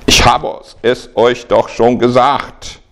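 A man's voice: mid-range voice, steady tone, takes it slowly, creaky, fairly bright tone. A man reading the part of a formerly blind man who answers insistently. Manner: insistent, exasperated.

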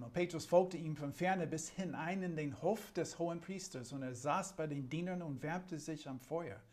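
A man with a light foreign accent preaching a sermon, speaking slowly and deliberately and reading scripture with drama. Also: a little high.

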